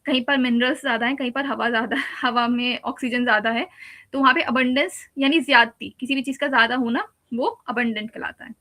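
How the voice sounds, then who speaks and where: A woman's voice: on the high side, a little fast, bright, forceful tone. A woman teacher giving a patient exam-prep lecture, explaining step by step with repeated examples. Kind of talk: exam-prep lecture mixing Hindi and English.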